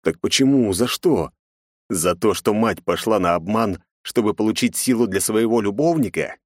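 A man's voice: lowish voice, normal speed, no echo, studio quality. A man narrating a fantasy audiobook in a tense, dramatic reading. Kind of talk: scripted narration.

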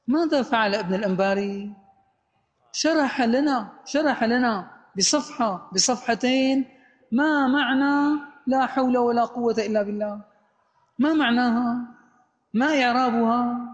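A man lecturing on Arabic grammar, asking rhetorical questions and answering them himself, reading quoted text slowly and deliberately. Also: extremely high pitch. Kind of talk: lecture explaining a grammar book. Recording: dull lo-fi audio with long hall reverb.

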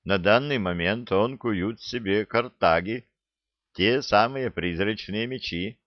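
A man's voice: fairly low pitch, slow pace, dry recording, muffled recording. A man voicing a polite, composed young warrior who speaks in a courteous, formal way.

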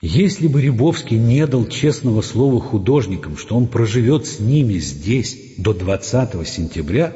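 A man narrating a literary audiobook in an expressive, measured way. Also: mid-range voice, husky, muffled recording.

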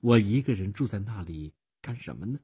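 A man reading the lines of a wealthy, lonely widowed woman in a husky voice, slow and wistful in a radio storybook. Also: on the low side, lively intonation, warm tone.

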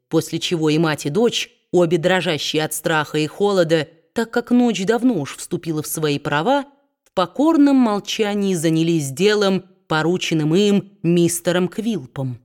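A woman narrating a classic novel as an audiobook reader, in measured, expressive storytelling. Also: on the low side.

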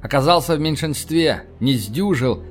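A man narrating an audiobook in a steady, even storytelling manner. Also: fairly high pitch, moderate pace, soft background music.

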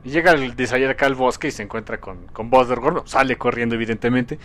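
A man co-hosting a casual comic review chat, animated and acting out characters' lines. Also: medium pitch. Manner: animated, acts out characters' lines in quick voices. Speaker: podcast co-host.

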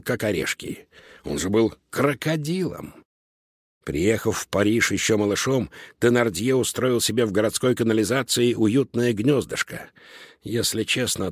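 A man narrating a children's storybook in an expressive, lively reading. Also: on the low side, breathy edge, no room sound, clean studio sound. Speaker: audiobook narrator.

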